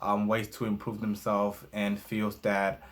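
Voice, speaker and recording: Glancing at his notes, a young native Spanish speaker reviews a book in a casual vlog, often hesitating and using fillers. His voice is lowish, monotone and a little slow.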